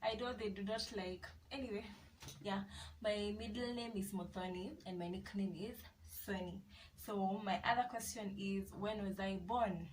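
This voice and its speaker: A young Kenyan woman vlogs in a casual, chatty way, often circling back with little yeses. Her voice sits at an ordinary middle pitch. She is a bit off-mic, and a faint hum of room noise sits underneath. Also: steady tone, moderate pace, a little mellow, distant mic, poor audio. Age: 20s. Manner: chatty, repeats herself with many yeses. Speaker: vlogger. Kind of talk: casual chat to camera.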